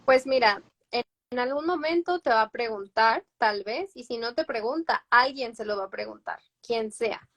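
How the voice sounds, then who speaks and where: Higher-voiced woman explaining by example. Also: normal speed, fairly bright tone. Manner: explains through personal examples, frequent tag questions. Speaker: psychologist guest. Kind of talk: live-stream advice talk.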